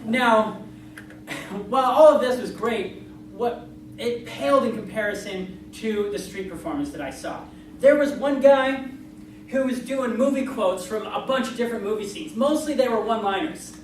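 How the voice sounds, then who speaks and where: A person telling a tall tale to a live audience in an animated way, acting out bits of dialogue as they go. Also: medium pitch, normal speed. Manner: animated, acts out dialogue and moves. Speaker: contestant in a storytelling contest. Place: live event room with an audience. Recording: very echoey, noisy room, distant mic.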